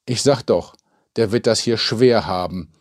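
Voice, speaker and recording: A man's voice: medium pitch, big pitch swings, slow pace, darkish tone, breathy edge, pitched above the performer's own voice, full character voice. A man doing a dreamy, sighing village woman. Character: dreamy, stout village woman who sighs.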